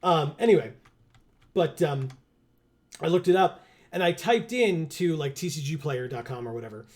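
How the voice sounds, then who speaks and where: A man's voice: on the high side, expressive, moderate pace, a little mellow. A man chatting casually while streaming a video game, rambling with fillers and laughing often. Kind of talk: casual livestream chat.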